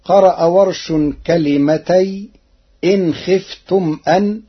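A man giving a scripted, measured lesson, chanting short quoted passages between his explanations. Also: high voice, husky, highs cut off. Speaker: teacher. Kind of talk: scripted instructional narration.

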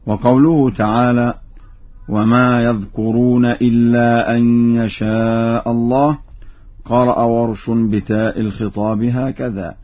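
A man teaching recitation variants, giving measured spoken explanations and then chanting each example slowly and melodically. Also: mid-range voice, level tone, highs cut off.

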